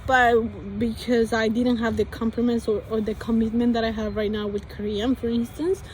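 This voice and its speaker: Speaking at a moderate pace with a level, slightly high, darkish voice, a young vlogger from Colombia muses aloud in accented English that she learned as a second language. Her talk is hesitant, full of fillers and restarts, and the recording is rough with a little background noise.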